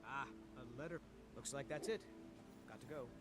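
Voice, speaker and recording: Guy voicing a hurried game courier, mid-pitched, buried under loud music. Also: lightly acted. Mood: businesslike. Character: brisk adult male courier delivering a letter. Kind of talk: game character dialogue.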